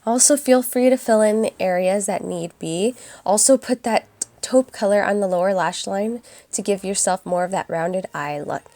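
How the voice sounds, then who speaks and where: Raspy, hoarse young woman with a cold. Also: medium pitch, moderate pace, dark tone, dry recording. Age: young adult. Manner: chatty and upbeat, addresses viewers as guys. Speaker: beauty vlogger. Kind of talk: makeup tutorial voice-over. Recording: voice-over with faint music behind.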